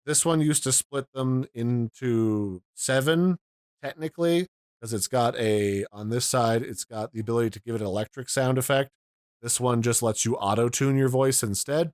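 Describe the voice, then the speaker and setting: A man's voice: mid-range voice, normal speed, dry recording, clean studio sound. A man giving a casual, explanatory demo of audio mixers, pointing out their controls, recorded at home. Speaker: tech reviewer. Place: home room.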